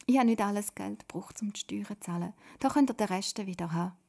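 A woman's voice: medium pitch, fast, vocal fry, a little mellow. A woman with a Swiss German accent voicing a grateful grown man in whispered role-play, earnest.

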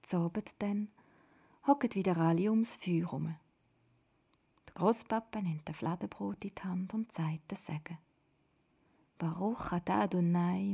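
A woman with a Swiss German accent telling a children's story in whispered storytelling, soft and hushed. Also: lowish voice, husky.

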